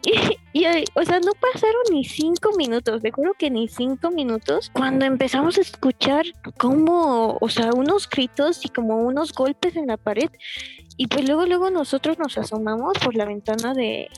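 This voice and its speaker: A woman's voice: high voice, normal speed, faint music behind. A young woman with a Mexican accent telling a story in a casual, chatty way, full of fillers and laughs. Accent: Mexican Spanish. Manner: laughs often, chatty fillers, animated retelling.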